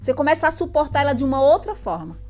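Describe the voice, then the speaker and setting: A woman's voice: high voice, very animated, rapid-fire, a little mellow. A woman hosting a spiritual self-help podcast, talking straight to the listener in an earnest, preachy way. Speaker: podcast host. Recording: dull lo-fi sound with faint music.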